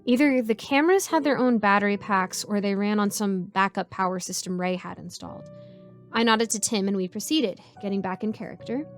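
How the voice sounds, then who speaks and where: A woman narrating a first-person horror story in a measured, suspenseful way. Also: mid-range voice, soft background music.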